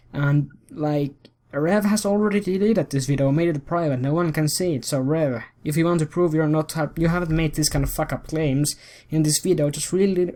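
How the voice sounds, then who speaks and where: A man's voice: on the high side, darkish tone. A man hosting a commentary video, ranting in a heated, profane and rambling way.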